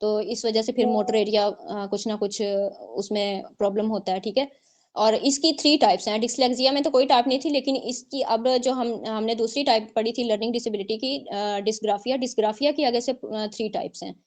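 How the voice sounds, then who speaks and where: In an online exam-prep lecture, a woman teacher explains points, repeats them, and checks in with her students with frequent "theek hai"s. Her voice is a little high and a little mellow, with a steady tone and a brisk pace.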